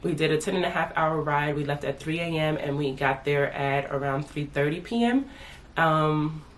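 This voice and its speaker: At normal speed and low pitch, a thirtysomething woman vlogs about family life in a casual chat to camera. A sinus infection has her congested, she dubs herself "your girl," and there's a faint hiss or hum.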